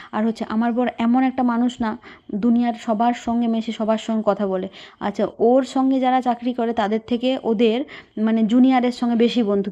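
A woman telling a worried personal story in a casual vlog, speaking softly with many hesitations. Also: on the high side, muffled recording. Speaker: vlogger.

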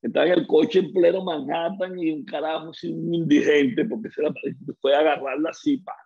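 Venezuelan guy on an interview podcast, raspy gravelly voice, dull lo-fi sound, acts out the quotes in his stories. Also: a little high, fairly quick. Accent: Venezuelan Spanish. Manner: lively storyteller who acts out quoted dialogue. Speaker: guest, former baseball player. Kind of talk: casual interview storytelling.

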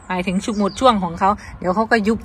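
In a rapid-fire, medium-pitched voice with a breathy edge, a woman vlogger speaking with an Isan Thai accent walks her viewers through an outdoor garden. She's chatty and calls them brothers and sisters.

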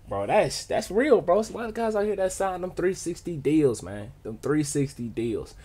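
Young American man, higher-pitched voice, husky edge, casual reaction host, slang-heavy, emphatic. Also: normal speed. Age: 20s. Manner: animated, slangy, emphatic, peppered with "bro" and "you know what I'm saying". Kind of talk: casual reaction commentary to camera. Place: small home studio with acoustic foam panels, indoors.

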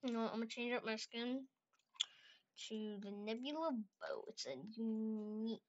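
A woman giving excitable casual commentary while playing a video game, talking to herself and yelling at the game, close to her microphone. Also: a little high, moderate pace, muffled recording. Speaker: gameplay streamer. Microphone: close desk microphone.

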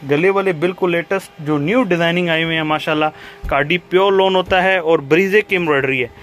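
Eager Pakistani salesman, higher-pitched voice. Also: fairly quick, a bit bright. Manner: eager teleshopping patter, repeating praise and prices. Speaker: cloth shop seller presenting stock. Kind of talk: sales pitch for a product video. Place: fabric shop, indoors.

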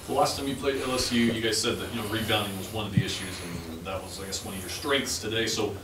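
Fast-talking reporter far from the mic. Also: male voice, on the low side. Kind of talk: press conference questions. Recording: roomy, distant, noisy press room.

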